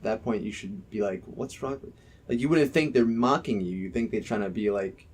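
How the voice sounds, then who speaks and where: A man's voice: on the low side, a little fast, a little mellow, breathy edge. A young man with a New Jersey accent, chatting casually on a podcast, rambling and hesitant with many fillers. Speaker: podcast co-host. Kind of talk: casual chat.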